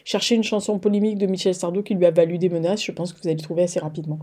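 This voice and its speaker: A woman presenting a music show with a mellow, warm voice, chatting casually between tracks. She rambles through fillers and asides and teases an off-mic partner as she talks. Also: lowish voice, level tone, racing. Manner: teasing banter with an off-mic partner.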